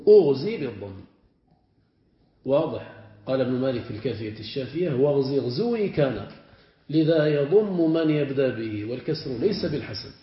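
A man's voice: medium pitch, expressive, fairly quick. A man teaching a classroom grammar lesson as a sheikh. He repeats word forms aloud and keeps checking whether his students follow. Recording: roomy, dull lo-fi classroom recording.

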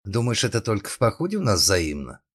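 A man's voice: on the low side, wildly swooping pitch, fast talker, breathy edge, pitched above the performer's own voice, full character voice. A man voicing a stern, protective young woman in an audiobook, speaking sarcastically and scolding her friend. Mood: sarcastic.

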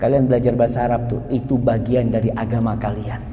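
A man preaching to a congregation, lively and full of rhetorical questions, his voice jumping high when excited. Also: quick pace, slight background noise. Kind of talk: Islamic lecture to a congregation. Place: lecture hall. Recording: long hall reverb.

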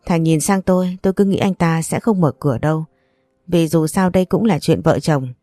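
Brief: woman reading a first-person story, mellow tone, soft music behind. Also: low voice, brisk, dry recording, studio quality. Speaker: story narrator. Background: faint background music.

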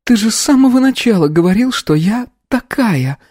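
A man's voice: high voice, lively intonation, moderate pace, darkish tone, no echo, clean studio sound, pitched above the performer's own voice. A man voicing a cold, mocking young woman in an audiobook, speaking with contempt. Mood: scornful.

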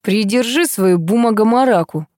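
A woman's voice: mid-range voice, moderate pace, a little mellow, no room sound, close to an everyday voice. A woman reading an audiobook, voicing a rude, blunt male police boss in close to her own voice. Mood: gruff. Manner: blunt and insulting.

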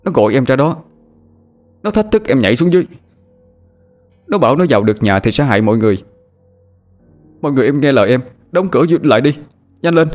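A man voicing a possessed young man who rages, sobs and shouts urgent warnings in a ghost story. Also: mid-range voice, expressive, quick pace, pauses often, soft background music, voice pushed up, lightly acted. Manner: frantic shouting, pleading in sobs.

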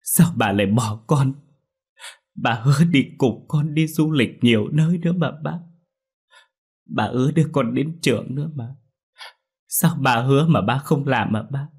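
A man's voice: medium pitch, unhurried, pauses often, a little mellow, breathy edge, pitched above the performer's own voice. A man voicing a distraught young person pleading and wailing in an audio ghost story. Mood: grieving.

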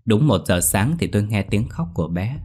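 Low-voiced man narrating a ghost story. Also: normal speed, slightly rough. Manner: steady storytelling in first person. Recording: faint music behind.

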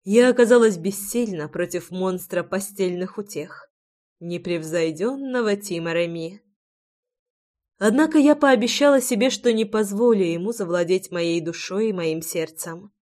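A woman's voice: medium pitch, normal speed, a little mellow. A woman reading a first-person romance audiobook in an intimate, reflective way. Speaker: audiobook narrator.

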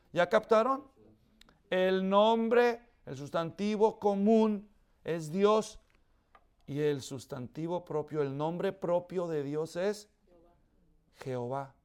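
A man's voice: high-pitched, a little mellow, smooth. A man preaching a sermon to a congregation, explaining with everyday examples and often asking his listeners questions. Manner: asks the audience questions often.

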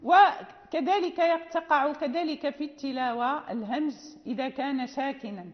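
Woman recitation teacher, high voice, patient demonstrations, muffled audio in a reverberant hall. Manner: patient, demonstrates pronunciations slowly, asks "hm?" for checks. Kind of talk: tajweed lesson.

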